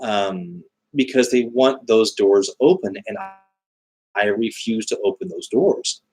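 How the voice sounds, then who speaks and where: A man chatting casually as a livestream host, halting often as he searches for his words. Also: on the low side, expressive, a little mellow. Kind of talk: casual live chat explaining spiritual beliefs.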